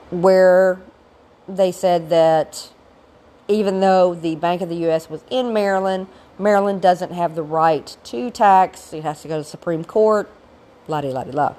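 A woman with a gravelly, fairly low and slightly mellow voice, still recovering from a cold, gives a casual recorded history lecture. She speaks as a teacher, dropping in explanatory asides.

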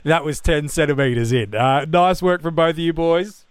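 A man's voice: on the high side, normal speed, smooth, no room sound, clean studio sound. An Australian man hosting a podcast in a casual, conversational style. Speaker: podcast host.

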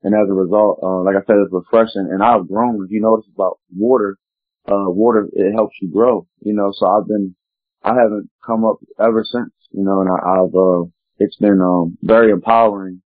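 A man's voice: on the low side, fairly even intonation, fairly quick, no room sound. A man telling his personal story as an interview guest, in an earnest, meandering, reflective way. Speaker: guest, spoken word poet. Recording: tinny phone-like line, dry.

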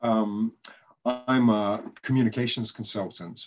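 A Scottish man, a guest on a podcast interview, telling stories in a relaxed, chatty way. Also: fairly low pitch, unhurried. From Scotland. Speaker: guest, communications consultant.

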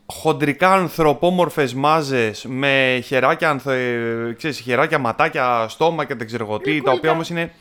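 A man's voice: fairly high pitch, fairly bright tone, clean tone. A man in casual chat, telling a film's story in a rambling, jokey way with many fillers.

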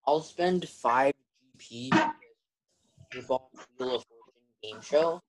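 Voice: medium pitch, sing-song, takes it slowly, creaky, low-quality recording. Wisecracking tabletop game player. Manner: joking, wisecracking. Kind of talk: casual chat.

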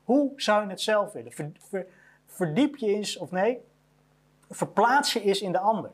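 A speaker delivers a motivational monologue with a blunt, no-nonsense edge. The same short phrases come back again and again, stacked up to drive each point home. The voice sits at a middle pitch and talks as a business owner addressing employees. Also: expressive, moderate pace, husky. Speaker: business owner giving career advice.

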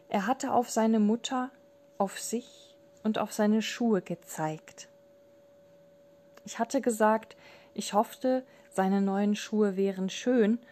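Slow, mellow female audiobook narrator. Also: mid-range voice. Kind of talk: scripted narration.

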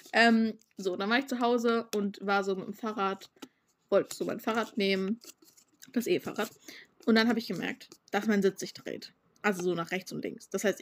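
A woman's voice: mid-range voice, fairly bright tone. A teenage girl hosting a podcast, telling a rambling story in casual, slangy chat with crude jokes. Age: teens. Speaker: podcast host.

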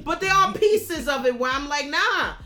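A woman's voice: high-pitched, animated, moderate pace, bright, forceful tone. An American woman in her thirties talking frankly in a casual conversation, emphatic and swearing freely. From United States.

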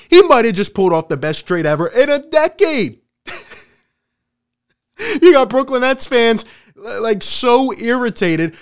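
A man with a high, clear voice rants gleefully about sports. He gloats, laughs often and swings between loud jabs and quieter asides. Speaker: sports vlogger. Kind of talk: casual sports rant.

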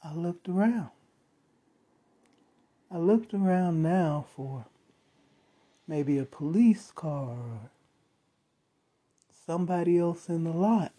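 A storyteller calmly recounting a first-person eerie encounter with measured pauses. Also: mid-range voice, slightly rough. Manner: slow, measured retelling with dramatic pauses.

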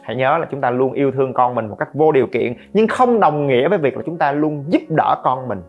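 A middle-aged man hosts a parenting podcast at a mid-range pitch. He talks in a lively way and addresses listeners with joking asides. The recording sounds slightly dull, with faint guitar music behind him. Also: fairly quick. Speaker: podcast host.

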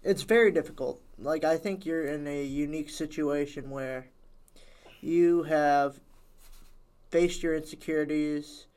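Male co-host, a bit higher voice, easygoing agreeable talk. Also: steady tone, measured pace, a little mellow. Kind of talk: casual chat.

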